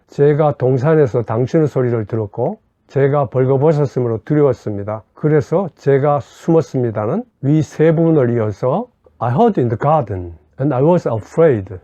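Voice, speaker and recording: A man teaches English in a slow, deliberate way, spelling out grammar and repeating phrases so listeners can shadow him. His voice is dark and mellow, and the recording sounds dry and a little dull. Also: mid-range voice, expressive, no echo. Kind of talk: explaining grammar and leading repetition drills.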